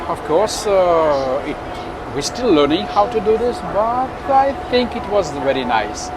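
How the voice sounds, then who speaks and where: Male travel vlogger, high-pitched, casual sign-off delivery, recorded amid noticeable ferry noise. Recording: clear outdoor ambient and engine noise.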